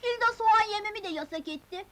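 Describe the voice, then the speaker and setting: A woman's voice: very high voice, fast talker. An actress playing a spoiled young city girl in a 1970s film comedy, with a petulant, girlish way of talking. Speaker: female lead.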